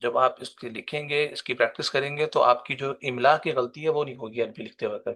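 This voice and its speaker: A male Arabic teacher in a recorded lesson, his voice sitting at an ordinary middle pitch. He drills each word slowly and deliberately, then explains it patiently, step by step. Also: steady tone, a bit bright. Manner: reads Arabic words slowly, then explains them in Urdu.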